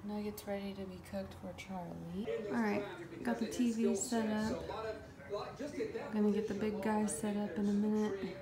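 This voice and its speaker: A woman's voice: medium pitch, steady tone, moderate pace, crowd noise. A woman in her twenties, a mom, chatting casually to camera in a light, self-mocking vlog. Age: 20s. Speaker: vlogger and mom.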